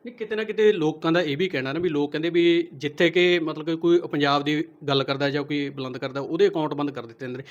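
A man's voice: fairly high pitch, fairly even intonation, fast talker, hardly any pauses. A man with a Punjabi accent interviewing, asking probing questions between brief murmured acknowledgements. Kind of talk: media interview. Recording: dull lo-fi recording.

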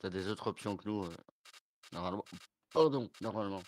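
A man playing a farming game with friends, calmly explaining the steps. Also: fairly low pitch, brisk, slight background noise. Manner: calm, explains steps patiently. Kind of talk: casual gaming chat.

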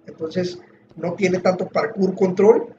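A man giving excitable gameplay commentary, hyping himself up in a mock-heroic way and often exclaiming. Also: sits high, takes it slowly, lo-fi sound, background noise. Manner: excitable, dramatic self-hype, mock-heroic third-person boasting; frequent exclaiming and shouting. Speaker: gamer playing a parkour map.

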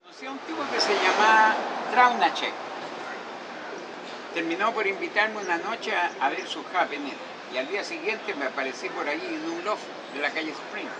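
An older man, a painter and writer, narrating a reflective story in a slow, musing way with hesitant fillers. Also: high-pitched. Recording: echoey, distant mic with noisy ambience.

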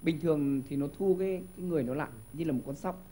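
Hanoi TV quiz host, upbeat. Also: male voice, a little high, racing. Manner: lively, coaxing hints with stumbling repeated words. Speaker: game show host. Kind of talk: TV quiz show hosting. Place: TV studio.

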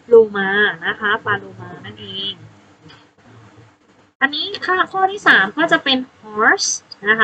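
Slow, high-voiced Thai woman teaching English. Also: lo-fi sound, a little hiss or hum. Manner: spells out words sound by sound, gentle prompting questions. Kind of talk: slow, patient classroom instruction.

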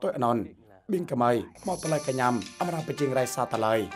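A man giving scripted narration for a television feature, reading in a steady, even way. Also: mid-range voice, quick pace, over music. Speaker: news narrator.

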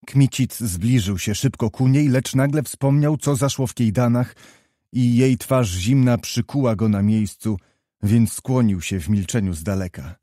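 A man narrating a classic novel as an audiobook reader, in a measured, even reading. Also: medium pitch, no room sound, studio quality.

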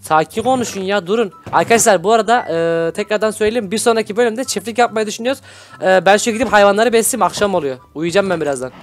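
A man hosting a Minecraft role-play, excitable, scolding and shouting at his characters between laughs. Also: sits high, fast talker, soft background music. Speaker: YouTube gaming host.

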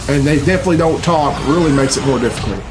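Talking fast in a fairly high voice over background noise, the middle-aged reaction host delivers casual, unscripted commentary. Game cutscene music runs behind him in his small home room, and he comes across blunt, sweary and bemused.

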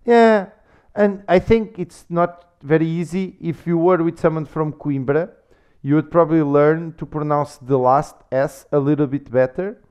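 A man from Portugal with a Portuguese accent, a guest chatting in a relaxed, meandering way in English. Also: fairly high pitch, moderate pace, smooth. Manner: relaxed, meandering explanations with fillers. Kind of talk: casual conversational interview. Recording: slightly muffled podcast audio.

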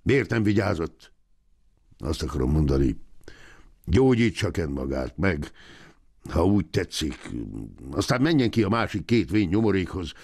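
A man's voice: low voice, breathy edge, no room sound, clean studio sound, full character voice. A man voicing a fat, impatient landowner who talks to his farmhand in a curt, haughty way. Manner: curt, brusque.

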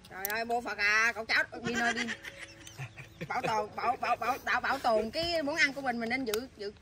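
A woman teases her family during a meal, exclaiming as she goes. She talks fast in a high, quick-moving voice. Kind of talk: casual family chat.

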